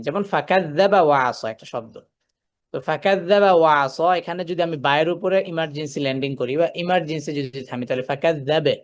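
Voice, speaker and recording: A man teaching a Quran recitation class. He explains the rules step by step, asks questions and answers them himself, and slows down to recite example verses. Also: on the high side. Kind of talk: recorded recitation lesson.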